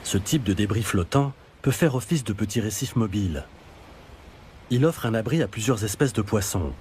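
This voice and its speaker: A man's voice: lowish voice, expressive, moderate pace, a little mellow, a little hiss or hum. A man reading scripted narration for a nature documentary.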